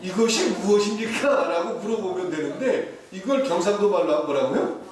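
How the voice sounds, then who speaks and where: A man preaching a sermon as pastor, lively and playful, mimicking short dialect phrases. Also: sits high, fairly quick. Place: church sanctuary. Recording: echoey, distant, faint hiss.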